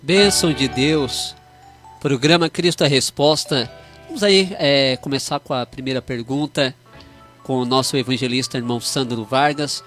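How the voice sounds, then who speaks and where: A man hosting a religious radio program, interviewing a guest. He greets listeners with pious phrases and asks loose, rambling questions. His voice is mid-pitched, with faint music in the background. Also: normal speed, fairly bright tone. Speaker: radio host.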